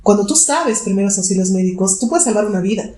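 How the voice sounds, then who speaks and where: A woman's voice: mid-range voice, expressive, fast talker, mellow, echoey room. A woman psychologist, answering interview questions and explaining with vivid examples. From Bolivia. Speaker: guest psychologist.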